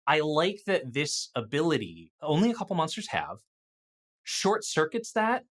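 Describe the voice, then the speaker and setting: During a casual gaming discussion, a man speaks as an experienced dungeon master, animated and opinionated. His pitch is fairly high and his pace unhurried.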